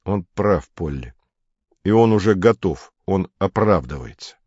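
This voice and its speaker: A man's voice: deep voice, animated, unhurried, darkish tone, no room sound, muffled recording. A man doing a stern, grave teenage captain.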